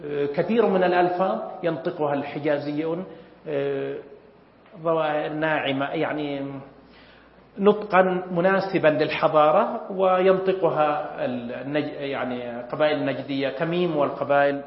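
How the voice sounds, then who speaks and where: A man giving an academic lecture at a measured pace, pausing often with fillers and clearing his throat. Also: a little high. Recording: echoey hall, dull lo-fi sound.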